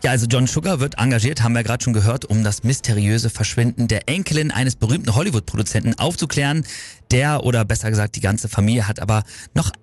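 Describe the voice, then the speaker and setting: A man's voice: mid-range voice, fast, darkish tone, soft background music. A man giving a conversational review of TV series as part of a chat with a co-host.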